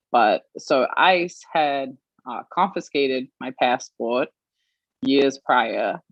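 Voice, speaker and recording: Woman from australia telling her story, earnest and measured, lots of ums, dry slightly dull stream sound. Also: extremely low pitch, dry recording. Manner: earnest, measured, with frequent pauses and fillers. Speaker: interview guest. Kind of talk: personal account in an interview.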